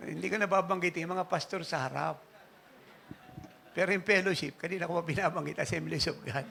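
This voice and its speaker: A man preaching a sermon in church, telling a story in an animated way and chuckling at it. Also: on the high side, a little fast, vocal fry, a little hiss or hum. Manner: animated anecdotal preaching, laughing at his own story. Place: church service.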